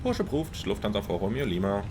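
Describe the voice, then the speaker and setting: A male airline pilot gives clipped cockpit radio calls and checklist callouts, his pitch moving in a lively way. A faint hiss sits behind his voice. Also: quick pace.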